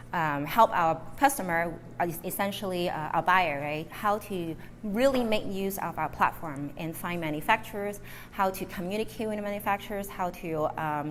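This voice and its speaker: A woman from Hong Kong speaking at a live interview before an audience, relaxed and chatty, with many fillers and small slips in English. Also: on the low side, slight background noise. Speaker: guest speaker, marketing manager.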